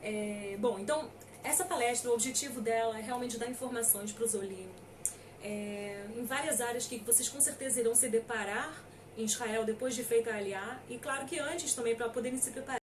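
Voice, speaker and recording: A middle-aged Brazilian woman lawyer gives an informal lecture, hesitating with lots of fillers but stressing key points emphatically. Her voice is fairly high and fairly quick, picked up by a distant mic against a noisy background.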